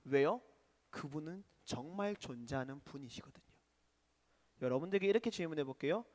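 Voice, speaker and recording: A man preaching a youth sermon, asking rhetorical questions and swinging between loud and hushed delivery. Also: a little high, animated, fairly quick, in a large hall. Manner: asks rhetorical questions, dramatic shifts in loudness. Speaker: preacher to teenagers. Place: church.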